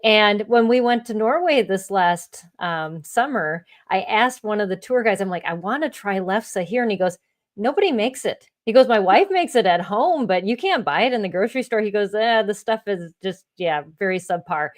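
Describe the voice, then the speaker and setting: A woman's voice: medium pitch, animated, normal speed. A middle-aged woman hosting an interview in casual chat, often repeating words as she thinks. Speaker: podcast host.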